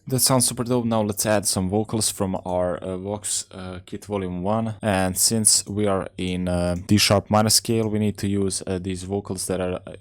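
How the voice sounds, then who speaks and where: A young man, a music producer, casually talking through a tutorial in laid-back slang with many "uh" fillers. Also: fairly low pitch. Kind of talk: casual screen-recorded tutorial. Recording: faint music underneath. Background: music playing in the session.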